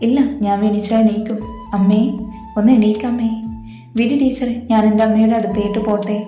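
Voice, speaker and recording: A woman's voice: mid-range voice, level tone, a little fast, natural voice. A woman voicing a small girl who pleads tearfully after losing her mother. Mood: pleading tearful. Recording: roomy echo with soft music.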